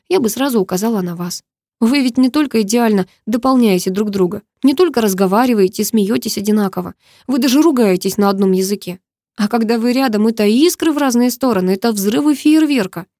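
A woman's voice: fairly high pitch, mellow, no room sound, clean studio sound, natural voice. A woman voicing a blunt, loyal young female friend who talks frankly and reassuringly, in audiobook dialogue.

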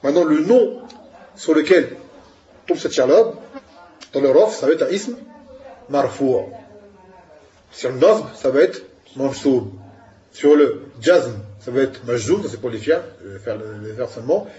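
A man's voice: medium pitch, lively intonation, measured pace, pauses often, mellow, lo-fi sound. A man giving an Arabic grammar lesson, explaining patiently and asking his students questions. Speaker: Arabic teacher.

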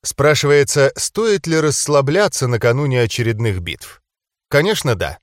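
A man's voice: mid-range voice, normal speed, no echo. Man reading a novel aloud, dry sound. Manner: steady storytelling reading. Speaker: audiobook narrator. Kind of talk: scripted narration.

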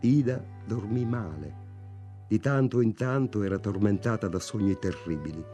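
A man reading a novel aloud in a measured, restrained narration. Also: fairly low pitch, animated, dark tone, soft background music. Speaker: audiobook reader. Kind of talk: literary audiobook narration.

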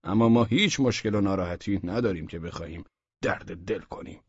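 A man voicing a courteous merchant in an audiobook, measured and polite. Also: sits low, breathy edge, no echo, highs cut off. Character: polite contented male merchant. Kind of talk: audiobook character voice.

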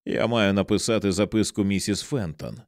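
An uneasy male writer mutters quietly and half to himself, as a man reading a horror audiobook puts him on. The voice sits low and sounds dry and close, with no room around it. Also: normal speed, no room sound, lightly acted.

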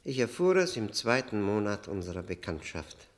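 In a German radio drama, an actor plays a haunted, agitated man confessing his past, halting and brooding as he swings between emphatic outbursts and near whispers. His voice is on the low side and sing-song, and the mood is brooding and fervent.

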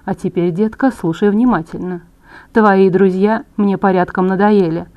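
Woman reading as a calm menacing male villain. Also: mid-range voice, normal speed, muffled recording, natural voice. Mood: cold menace.

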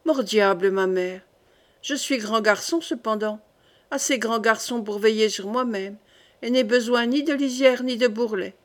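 A woman's voice: fairly high pitch, normal speed, lightly acted. A woman voicing a proud, irritable young king in an audiobook, commanding and indignant.

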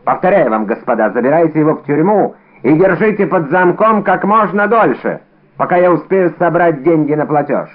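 A man's voice: on the high side, sing-song, moderate pace, voice pushed up. A man reading an audiobook, voicing a bold, cunning young musketeer with a brash, theatrical manner, in a narrow, phone-like recording.

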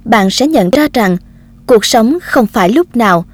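Gentle woman narrating an audiobook. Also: a little high, measured pace, no room sound. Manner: calm, gentle storytelling.

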